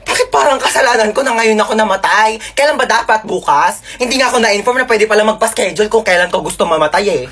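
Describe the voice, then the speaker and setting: A woman acting out comedy skits with sassy, rapid comic retorts. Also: mid-range voice, fairly bright tone, a little hiss or hum. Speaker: comedy skit creator. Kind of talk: comic skit acting in many roles.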